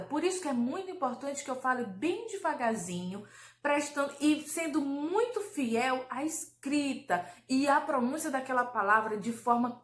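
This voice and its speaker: A woman teacher giving a recorded lesson for children, patiently explaining and drawing out syllables slowly. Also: high-pitched, fairly bright tone, echoey room. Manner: slow, drawn-out syllable pronunciation, patient and explanatory.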